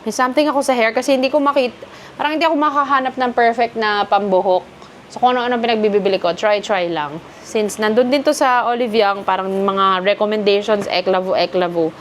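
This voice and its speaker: A woman's voice: mid-range voice, fairly quick, slight background noise. Chatty woman showing off a haul. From Philippines. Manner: chatty, mixes Filipino and English. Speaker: vlogger. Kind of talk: casual haul vlog.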